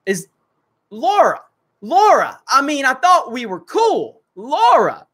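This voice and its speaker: With an extremely high, slightly bright voice that has a breathy edge and swoops wildly in pitch, a man talks slowly. He hosts a casual livestream, reading super chats and answering viewers with lots of fillers.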